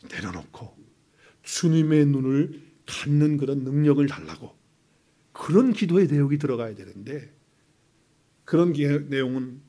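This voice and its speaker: A middle-aged man preaching a sermon as pastor, swinging between loud emphasis and quiet asides and acting out prayers in quoted voices. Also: fairly high pitch.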